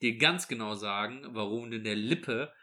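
A man's voice: mid-range voice, normal speed, sharp tone. A man, co-hosting a casual podcast and ranting animatedly with exaggeration. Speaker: podcast co-host.

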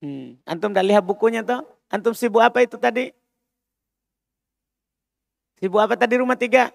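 A man's voice: high-pitched, moderate pace, gravelly, no room sound. A man leads a mosque grammar lesson. He repeats each term, translates it and checks on his students. The sound is close and dry. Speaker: Islamic religious teacher. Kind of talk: classroom lesson on Arabic grammar. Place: mosque study class.

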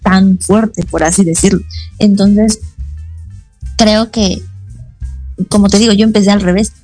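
A woman's voice: mid-range voice, fairly even intonation, a little slow, dark tone, faint music behind, rough recording. A woman, a guest chef in a casual radio interview, telling chatty stories and acting out what others said. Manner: chatty storytelling, acting out quoted voices.

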